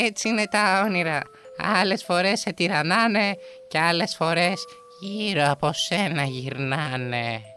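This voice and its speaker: A woman's voice: on the low side, fairly bright tone, soft background music, natural voice. A woman doing a scolding rustic mom. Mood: amused. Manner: folksy scolding, earthy words. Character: scolding rustic mother woken at night. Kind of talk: comic fairy-tale parody.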